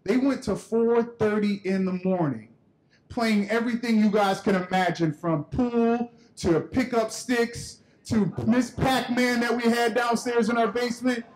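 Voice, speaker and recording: A man giving a keynote speech at a conference, telling a personal story in an animated way and acting out the dialogue. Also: very high voice, unhurried, rough recording. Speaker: keynote speaker. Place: conference hall stage.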